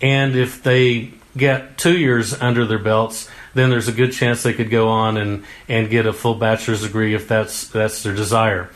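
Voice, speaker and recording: A man's voice: fairly low pitch, level tone, normal speed, hardly any pauses. Man, political candidate, folksy, earnest, interview answers. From Oklahoma. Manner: folksy and earnest, with homespun exclamations. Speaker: congressional candidate.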